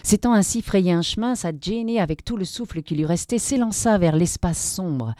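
Low-voiced woman reading a dark story. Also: animated, dry recording, studio quality. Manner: measured dramatic storytelling. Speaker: narrator.

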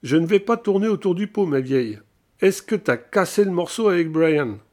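A man's voice: high-pitched, lively intonation, moderate pace, darkish tone. Man putting on an eager, chatty pregnant woman. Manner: eager, insistent, gushing. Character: pushy, chatty pregnant woman, old college friend.

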